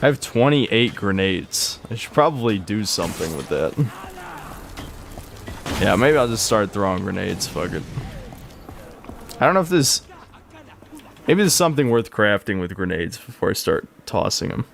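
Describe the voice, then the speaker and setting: A man in his twenties with a fairly low voice, streaming a game and chatting casually. He rambles and swears in a bro-ish way. There is clear noise and game ambience behind him. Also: big pitch swings, moderate pace, pauses often. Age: 20s. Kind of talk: casual live gaming stream chat.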